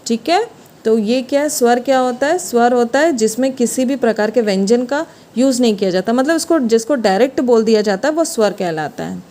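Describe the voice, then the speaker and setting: A woman teaching a grammar lesson, explaining step by step, asking questions and answering them herself, and sounding out letters slowly. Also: on the high side, lively intonation, mellow. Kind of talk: classroom-style grammar lesson.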